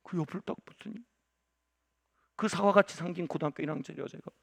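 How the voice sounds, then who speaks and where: A pastor in his forties preaching a sermon, telling a story dramatically, swinging from loud outbursts to hushed asides and crying out in prayer. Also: on the high side, fast talker, gravelly. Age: 40s. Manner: acts out quoted voices and cries out in prayer.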